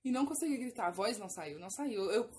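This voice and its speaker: A young woman chatting casually with friends and telling animated stories, acting out what people said. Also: mid-range voice, fast, a little hiss or hum. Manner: lively storytelling with acted-out lines. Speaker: storyteller in group chat. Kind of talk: casual chat.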